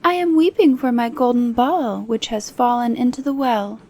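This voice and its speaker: Woman as a high, girlish spoiled storybook princess. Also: moderate pace, a little mellow. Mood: fretful. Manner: high-pitched, girlish, emphatic. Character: young spoiled princess, fretful and eager. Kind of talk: bedtime fairy-tale reading.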